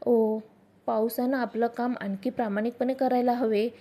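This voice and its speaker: A woman's voice: fairly high pitch, steady tone, normal speed, dark tone. A woman voicing a teasing young lover.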